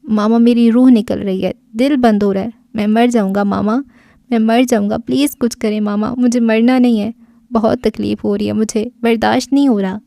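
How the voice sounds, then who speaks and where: A woman voicing a fragile, volatile young man who is crying, pleading and shouting in despair. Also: fairly high pitch, no echo, clean studio sound, natural voice. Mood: sobbing pleading. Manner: sobbing, pleading, frantic.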